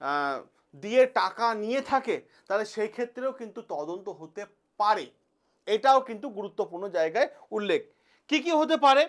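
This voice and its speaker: Woman explaining news to viewers. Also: a little high. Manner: explains step by step, poses and answers her own questions to viewers. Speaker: channel host.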